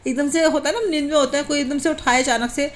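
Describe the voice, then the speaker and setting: A woman chatting to her viewers in a casual home vlog while cooking in her kitchen. She rambles, repeats filler phrases and clears her throat after a recent cough. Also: high voice, fairly even intonation, fast talker. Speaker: home vlogger and mother.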